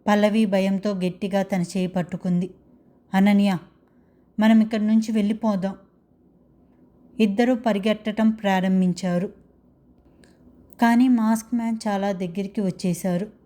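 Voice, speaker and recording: A woman's voice: mid-range voice, steady tone, normal speed, dark tone. A woman narrating a dramatic love story in a scripted storytelling style.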